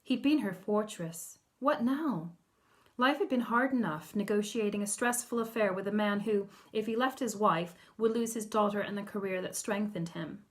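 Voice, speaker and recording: A woman author narrating her own novel in a measured, softly expressive reading. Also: mid-range voice. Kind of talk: audiobook narration.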